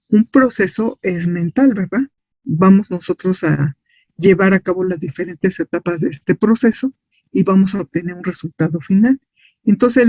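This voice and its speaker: Mexican guy teacher explaining stuff to his class, pretty high voice, dull lo-fi recording. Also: darkish tone, no room sound. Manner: didactic, asks and answers own questions, often seeks agreement with tag questions. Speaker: science teacher. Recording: dull, lo-fi, dry sound.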